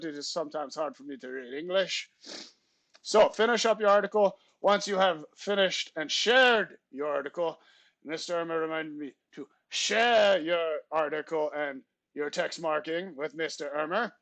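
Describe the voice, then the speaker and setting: A man's voice: a little high, moderate pace, a bit bright, no echo. A man putting on a pompous French substitute teacher. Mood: theatrical. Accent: put-on French. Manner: formal, stilted phrasing with theatrical flourishes. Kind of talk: comic class announcements in character.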